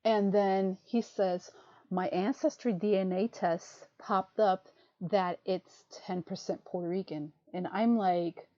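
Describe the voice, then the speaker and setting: A woman co-hosts a livestream podcast through a desk mic, chatting casually and rambling, laughing often and saying "freaking" a lot. Her voice is medium-pitched, warm, and steady, and she takes it slowly. There's no echo, though the stream audio sounds muffled and lo-fi.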